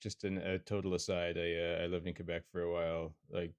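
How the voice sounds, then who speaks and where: Deep gravelly man, joking. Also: brisk, no room sound. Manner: joking, relaxed, swears casually. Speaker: podcast co-host and editor. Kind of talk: casual chat.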